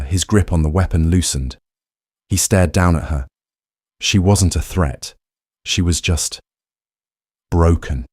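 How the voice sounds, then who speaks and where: A man reading a scripted story aloud in a measured, dramatic way. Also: sits low, a little mellow, no echo, studio quality. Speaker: narrator.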